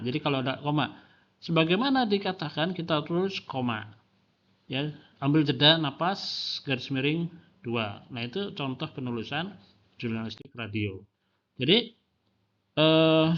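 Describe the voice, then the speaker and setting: A man's voice: on the high side, highs cut off. A male lecturer, explaining a lesson with examples, frequent fillers and rhetorical questions. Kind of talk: classroom lecture.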